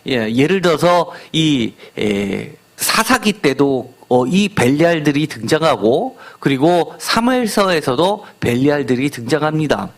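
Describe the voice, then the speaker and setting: Middle-aged guy pastor giving a sermon, lively up and down voice, keeps asking the congregation stuff. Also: a little high, measured pace, few pauses. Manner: asks the congregation rhetorical questions.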